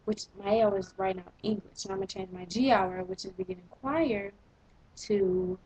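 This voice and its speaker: A teenage girl in eleventh grade ranting in a casual vlog, sarcastic and exasperated, with a slightly husky voice. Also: medium pitch, normal speed, rough recording. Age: teens. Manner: exasperated, sarcastic, animated complaining. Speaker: vlogger.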